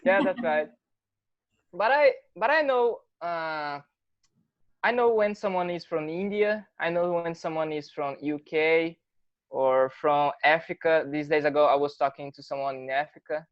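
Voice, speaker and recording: A man's voice: a little high, measured pace, no echo, highs cut off. A man in a casual online chat who talks earnestly and often restarts his phrases. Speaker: meeting participant. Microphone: video call.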